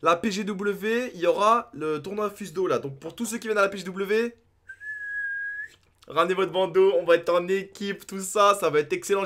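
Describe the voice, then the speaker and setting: A young man commentating his own game as a gaming youtuber, thinking aloud and breaking into excited outbursts. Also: high-pitched, slight background noise. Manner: excitable, talks to himself, sudden outbursts.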